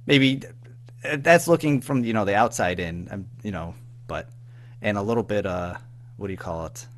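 An American audio drama writer and producer appears as a guest in a casual interview, talking at a moderate pace in a fairly low voice. His speech is informal, hesitant, and rambling.

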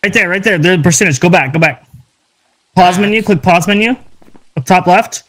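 A man's voice: high-pitched, moderate pace. A man playing a game with friends, giving amused, bossy step-by-step instructions over voice chat. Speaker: co-player. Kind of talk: casual gaming chat.

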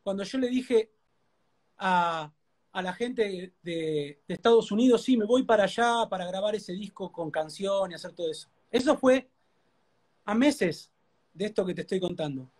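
A man's voice: sits high, lively intonation, moderate pace, darkish tone. Earnest Rioplatense man giving testimony. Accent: Rioplatense Spanish. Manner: earnest, preacherly, repeats phrases for emphasis. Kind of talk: emotional testimony in a live interview.

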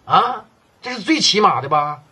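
A man with a Northeastern Mandarin accent voicing a stern, domineering middle-aged male gang boss who lectures loudly. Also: high-pitched, animated, moderate pace, slightly rough, voice pushed up, heavily acted. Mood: scolding. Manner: scolding, raised and lecturing.

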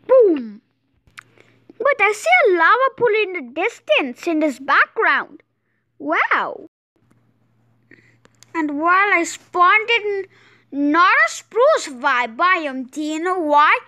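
Woman host, gameplay commentary, very high and bright voice, unhurried delivery, excitable and exclamatory. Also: no echo, studio quality. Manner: excitable, exclaims often, restarts sentences.

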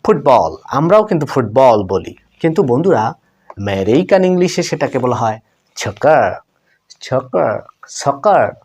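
A man's voice: mid-range voice, big pitch swings, a little slow, a little mellow, slight background noise. A man teaching English vocabulary to viewers in a chatty way, repeating each word and asking the audience questions.

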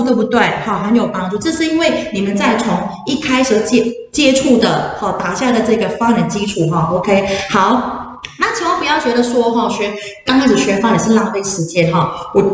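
Brief: female English teacher, animated presenter quizzing the room, off-mic in a boomy classroom. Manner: switches between Mandarin and English, quizzes the audience. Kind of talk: info session talk to parents and children. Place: classroom with an audience. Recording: echoey room, distant mic.

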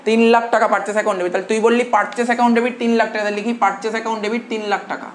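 A man's voice: high-pitched, little pitch movement. Male tutor dictating notes in a roomy classroom. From India. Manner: dictates slowly and repeats phrases, quizzing students. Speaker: commerce tutor. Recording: roomy classroom echo, faint hum.

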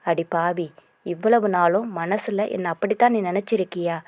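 A woman voicing a gruff protective village man. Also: on the low side, normal speed, a little mellow, no echo, natural voice. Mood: teasing. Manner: gruff scolding. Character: tough young village man, protective, teasing.

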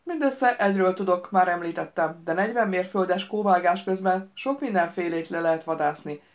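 A woman reading an audiobook, voicing a calm man who answers dryly and matter-of-factly. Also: fairly low pitch, muffled recording, lightly acted. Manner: dry, matter-of-fact. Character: dry, calm male trainer, unflappable.

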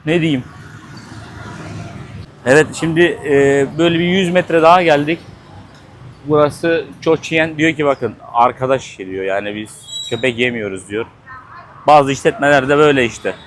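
Şaşkın, küfürlü konuşan sokak vlogcusu erkek. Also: male voice, a little high, normal speed, pauses often. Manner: shocked, swears and exclaims, talks to viewers. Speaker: travel vlogger. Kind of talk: handheld street vlog. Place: busy street outdoors. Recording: faint street noise behind.

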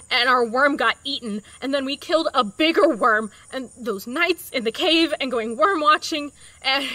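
A woman's voice: sits high, pushed and bright, no room sound, full character voice. A woman voicing a fierce, blunt companion in an audio drama, swearing and teasing, scared of losing a partner. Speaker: voice actor.

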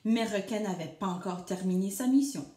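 A woman's voice: medium pitch, normal speed, mellow. A woman teacher reading a storybook aloud to children and asking them questions as she goes. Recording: echoey room.

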